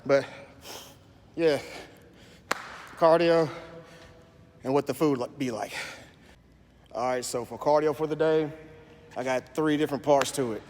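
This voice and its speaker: A man's voice: mid-range voice, darkish tone, in a large hall. A man with a country accent, a slight S lisp and slurred speech, talking in a rambling, profane way as he vlogs from a gym. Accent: Southern US country. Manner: profane, rambling, deliberately slowed. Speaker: fitness vlogger. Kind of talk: casual vlog monologue.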